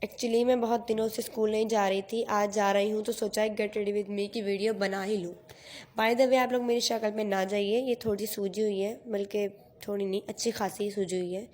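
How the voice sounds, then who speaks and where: A woman's voice: medium pitch, flat delivery, normal speed, a little mellow. A teenage girl narrating a casual get-ready-with-me vlog, chatty and self-mocking, mixing English phrases into Hindi, recorded on a phone camera at home. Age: teens. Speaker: vlogger. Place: bedroom at home.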